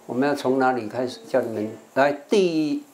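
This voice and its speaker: Older monk drilling English words. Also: male voice, mid-range voice, fairly quick, a little mellow, a little hiss or hum. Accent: Taiwanese Mandarin. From Taiwan. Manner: repeats words to drill pronunciation, coaxing the class. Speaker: Buddhist monk teaching English. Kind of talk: classroom English vocabulary lesson.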